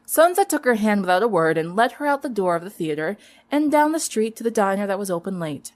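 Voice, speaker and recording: Over background music, a female fan fiction narrator tells her story in scripted, dramatic fashion. Her medium-pitched voice is sing-song and fairly quick.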